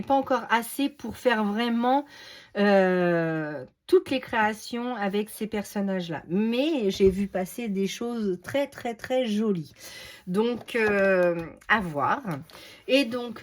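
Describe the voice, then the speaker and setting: A middle-aged woman chatting casually as she shows craft books, hesitating often with fillers. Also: mid-range voice. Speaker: craft vlogger. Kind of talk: casual unboxing chat.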